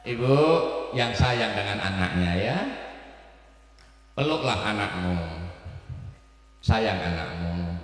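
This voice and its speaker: A man giving a humorous sermon as a preacher, animated and playful. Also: low voice. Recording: echoey hall, far mic, faint music.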